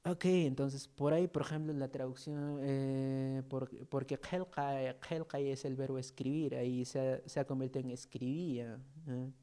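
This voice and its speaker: Man, Peruvian Spanish accent, online teacher, chatty, jokes with students, mellow. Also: medium pitch, steady tone, normal speed, hardly any pauses, clean tone. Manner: chatty, joking, reads out student comments. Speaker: language teacher.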